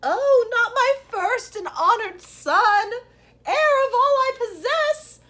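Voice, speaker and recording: A woman's voice: very high-pitched, animated, takes it slowly, sharp tone, pitched above the performer's own voice, heavily acted. A woman doing a haughty, scolding mother. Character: stern, proud mother, impatient with her son.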